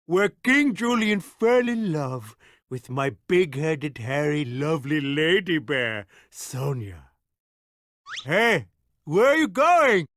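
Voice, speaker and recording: A man's voice: fairly high pitch, big pitch swings, slow pace, a bit bright, no echo, studio quality, full character voice. A man voicing a vain, party-loving lemur king in a video game, theatrical, pompous and childishly gleeful. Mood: boastful. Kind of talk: animated video game cutscene acting.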